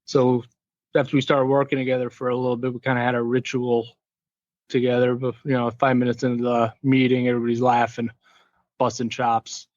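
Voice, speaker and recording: A man's voice: mid-range voice, completely flat delivery, brisk, no echo. A man who is a guest on a podcast, telling stories in an easygoing, joking way. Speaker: podcast guest, packaging inventor. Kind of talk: casual interview chat. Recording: dull, dry lo-fi sound.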